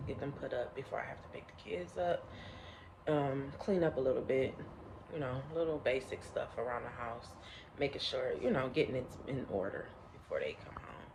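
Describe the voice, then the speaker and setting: A woman's voice: a bass voice, moderate pace, creaky. Chatty woman vlogging over background noise. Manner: chatty, addresses viewers directly. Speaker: mom vlogger. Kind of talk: casual vlog talk to camera.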